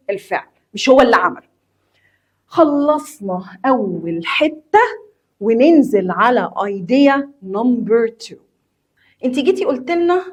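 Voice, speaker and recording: Woman, Egyptian Arabic accent, English teacher, husky voice, slightly high, emphatic, repeats key points. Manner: mixes English terms into Arabic explanation. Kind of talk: explaining a grammar lesson to students.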